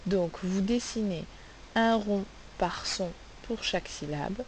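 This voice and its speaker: A woman teaching a phonics lesson, sounding out letters and syllables slowly and asking the class questions. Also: medium pitch, darkish tone, rough recording. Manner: slow, carefully spelled-out sounds, asks questions. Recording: faint hiss.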